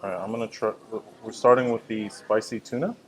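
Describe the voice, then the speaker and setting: A man's voice: lowish voice, steady tone, brisk. A man hosting a casual travel vlog, joking and laughing often as he chats. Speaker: vlog host. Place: cruise ship cooking class and bar. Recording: busy crowd chatter behind.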